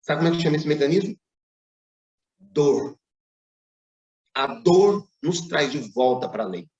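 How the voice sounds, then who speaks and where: A man's voice: a little high, animated, measured pace, darkish tone, echoey room, lo-fi sound. A Brazilian man giving a spiritist public lecture, telling a story with frequent asides and tag questions. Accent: Brazilian Portuguese. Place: lecture hall.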